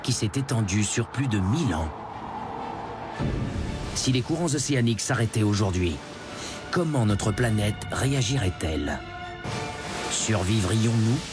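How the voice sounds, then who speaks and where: A man reading dramatic scripted documentary narration in a grave, ominous, measured way. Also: on the low side, expressive. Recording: loud music under the voice. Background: loud dramatic music.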